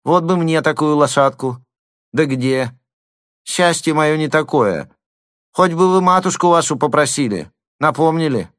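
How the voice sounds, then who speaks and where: A man's voice: fairly high pitch, animated, measured pace, fairly bright tone, no room sound, studio quality, pitched above the performer's own voice. A man voicing a greedy young man who lisps and whines, almost in tears. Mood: wheedling. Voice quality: lisping. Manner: wailing, near tears.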